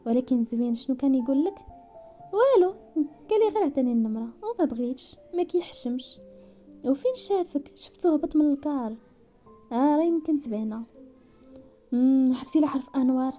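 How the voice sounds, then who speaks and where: A woman's voice: high voice, faint music behind. A woman with a Moroccan Darija accent narrating a romance story at speed, voicing the characters' dialogue as she goes. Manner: rapid, animated reading that slips into characters' voices.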